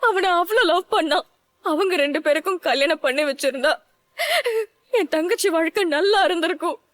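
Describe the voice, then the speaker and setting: Brief: actress playing a crying young woman in a dubbed serial, very high voice, dry and close sound, pleading and broken. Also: moderate pace, a bit bright, no room sound. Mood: tearful. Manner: tearful, pleading, breaking off mid-phrase. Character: distraught young woman blaming herself for her sister.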